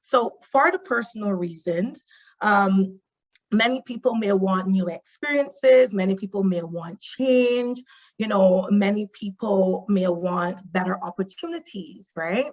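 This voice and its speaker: A Barbadian social worker with a Barbadian accent gives a webinar presentation over a video call, explaining things point by point and frequently checking in with "right?" and "you know". Her mid-range voice is a little slow, and the sound is lo-fi.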